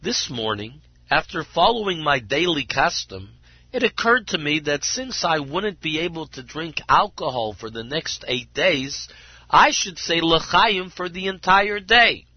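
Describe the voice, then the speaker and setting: A man's voice: fairly high pitch, very animated, measured pace, breathy edge, no room sound, heavily acted. A man voicing a humble water carrier telling his story in plain, earnest words, in a dull lo-fi recording. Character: simple humble male water carrier, tearful.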